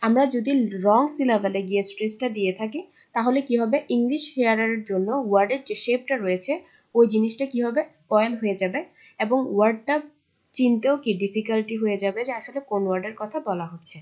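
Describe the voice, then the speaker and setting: A woman with a Bangladeshi accent, a native Bengali speaker, teaching English in a recorded lecture. She reads English lines slowly, then explains each one. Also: on the high side, darkish tone.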